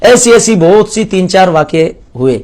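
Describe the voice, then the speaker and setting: A man's voice: high voice, animated, moderate pace, a little mellow. A young man giving an earnest personal testimony, acting out the dialogue as he retells it. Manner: earnest, storytelling with quoted dialogue. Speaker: convert sharing his story.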